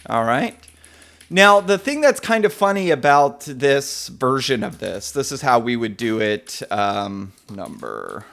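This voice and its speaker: A man's voice: medium pitch, big pitch swings, a little slow, vocal fry, a bit bright. Casual man live-coding a lesson. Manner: casual, many fillers, reads chat names aloud. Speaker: programming instructor.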